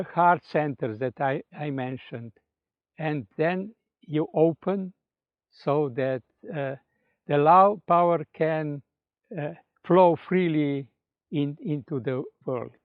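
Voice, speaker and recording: A man with a Slovenian accent, a native Slovenian speaker, giving an explanatory talk in English in a halting, word-searching manner. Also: a little high, dry recording. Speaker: speaker presenting his exercises. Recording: tinny phone-like audio.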